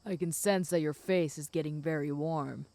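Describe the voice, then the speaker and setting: A woman voicing a flirty, possessive and protective female werewolf in an intimate audio role-play, speaking teasingly to the listener in a smooth voice. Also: sits low, steady tone, moderate pace, no room sound. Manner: flirty, teasing, with soft chuckles.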